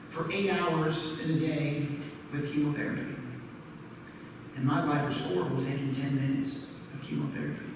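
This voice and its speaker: A middle-aged man preaching a sermon as pastor, telling a personal story and asking the congregation questions. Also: fairly high pitch. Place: church sanctuary. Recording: echoey church hall from far off, faint noise.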